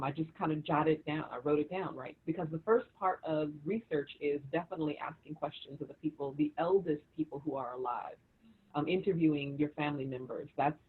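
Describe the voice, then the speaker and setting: A woman's voice: low voice, breathy edge. A woman co-hosting a livestream, telling her family research story with many restarts over a video call. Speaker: co-host and author. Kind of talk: casual livestream conversation. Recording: tinny phone-like video call audio.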